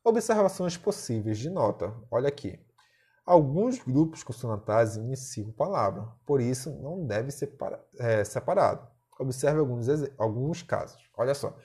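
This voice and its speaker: A man's voice: medium pitch, lively intonation, moderate pace, hardly any pauses, warm tone, husky. A male teacher with a Brazilian accent giving a recorded lesson, explaining step by step and often checking in with short tag questions.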